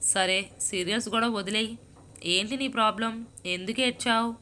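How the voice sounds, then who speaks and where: A woman voicing a patient, puzzled woman friend who keeps asking gentle questions, in a storybook reading. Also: on the high side, fairly even intonation, normal speed, slight background noise.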